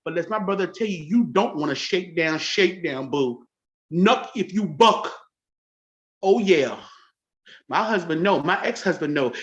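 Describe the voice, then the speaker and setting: Woman in her forties ranting, dull lo-fi sound. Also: lowish voice. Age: 40s. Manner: taunting, repetitive, boastful. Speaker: church livestream host. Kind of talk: confrontational video rant.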